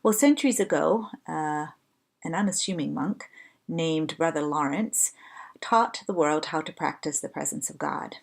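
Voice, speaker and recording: A woman leading a guided devotional on slow breath prayer, speaking in a gentle, measured way with phrases that soften into breath. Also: sits low, lively intonation, creaky. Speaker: prayer leader.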